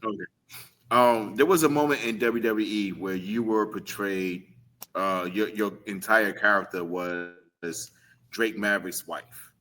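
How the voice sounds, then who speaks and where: A man in his forties, co-hosting a podcast, asking deliberate questions and teasing the guest. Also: lowish voice, steady tone, bright, forceful tone. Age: 40s. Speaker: podcast co-host. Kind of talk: casual interview chat.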